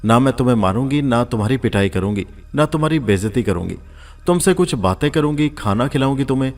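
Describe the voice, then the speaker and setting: A male narrator voicing a wealthy, gracious woman who is amused, coaxing and gently commanding, in a storybook reading. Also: medium pitch, animated, lightly acted.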